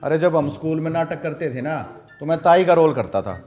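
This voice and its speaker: An actor playing a relaxed, teasing police station officer. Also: male voice, a little high, fairly quick, faint music behind, natural voice. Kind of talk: comic web-series acting.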